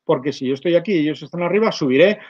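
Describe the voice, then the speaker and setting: A middle-aged man with a Spanish accent, giving an energetic online conference talk straight to his audience over a webcam. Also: on the high side, racing, slightly rough, lo-fi sound. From Spain. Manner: energetic, direct, addresses audience as "mirad". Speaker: conference speaker.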